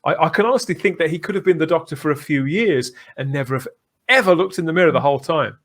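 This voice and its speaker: Quick and a bit bright, this man's voice sits on the high side as he hosts a casual fan podcast. He chats conversationally, frequently restating things and asking if others agree.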